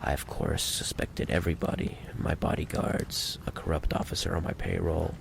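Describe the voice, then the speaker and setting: In an ASMR roleplay monologue, a man plays a menacing, possessive mafia boss, speaking in a low, gravelly voice with deliberate, coolly condescending delivery. The mood is cold storytelling, with background noise present.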